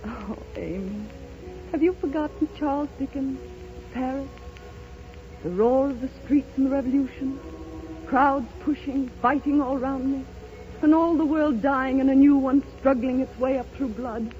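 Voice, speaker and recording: In a 1930s radio drama, an actress voices a serene, rapturous bedridden blind woman, declaiming with theatrical, impassioned, lyrical fervor and an insistent mood. Her voice sits high and a little slow, in a muffled broadcast with loud music.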